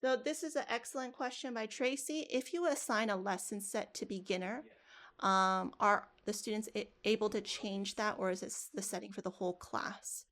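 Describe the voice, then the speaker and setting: A woman's voice: mid-range voice, normal speed, a bit bright. A woman running a live coding workshop for teachers, casual and talking through each step aloud with frequent restarts. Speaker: teacher trainer.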